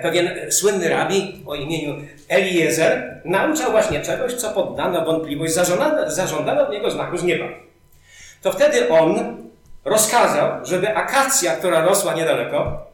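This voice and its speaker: A male preacher giving a sermon, telling stories animatedly and building up emphasis. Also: a little high. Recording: very echoey hall.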